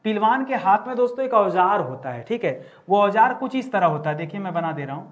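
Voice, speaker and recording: A man's voice: sits high, big pitch swings, a little fast, dull audio. A man teaching a grammar lesson for exam preparation. He repeats key words and quizzes students with rhetorical questions.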